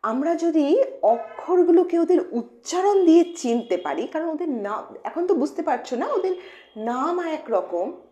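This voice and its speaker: A woman teaching phonics to children, playful and coaxing, asking many questions and slowly repeating each sound. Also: high voice, sing-song, warm tone, highs cut off. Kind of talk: informal lesson to children.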